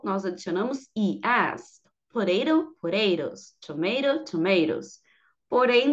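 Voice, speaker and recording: A woman, teaching English grammar in an online lesson, patient and repeating each word for her students. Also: on the high side. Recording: dull lo-fi audio.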